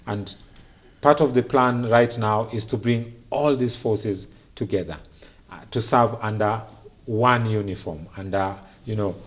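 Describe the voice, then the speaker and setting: A man with a Kenyan English accent hosting a studio talk show, measured and searching in his phrasing. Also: lowish voice, darkish tone.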